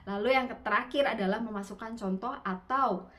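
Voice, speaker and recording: Brief: female public speaking coach on a webinar mic, relaxed and chatty, lifts and drops her intonation often. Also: a little high, normal speed. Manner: lively rising and falling intonation; gestures constantly with her hands. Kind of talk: online webinar talk.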